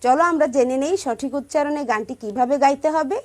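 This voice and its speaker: A woman's voice: sits high, fast talker. A woman music teacher giving a song lesson to primary school children, patiently stressing careful pronunciation and checking in with her pupils. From Bangladesh.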